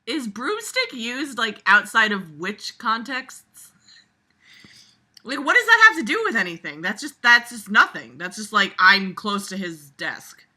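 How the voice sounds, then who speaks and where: Pushed and bright, this woman's medium-pitched voice carries a casual read-aloud full of mockery. She's sarcastic, exasperated and foul-mouthed, an amateur commentator performing for her regular audience.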